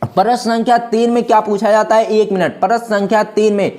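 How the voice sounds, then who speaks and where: A man's voice: sits high, little pitch movement, fairly quick, a little mellow. A man teaching a Hindi exam-prep lesson, explaining step by step and often checking that students follow. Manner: explains step by step, keeps checking "ठीक है", calls students "दोस्तों" and "बाबू".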